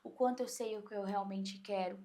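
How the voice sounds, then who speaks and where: A woman coach with a Brazilian Portuguese accent, explaining in an animated way on an interview podcast and acting out inner voices. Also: medium pitch, a little fast.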